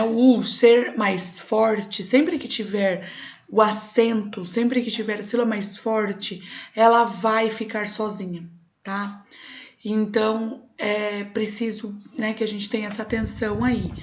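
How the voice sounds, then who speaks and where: A young adult woman with a Brazilian Portuguese accent teaches a recorded online class, explaining step by step. Her medium-pitched voice is slow with fairly even intonation, and she often checks in with "tá?".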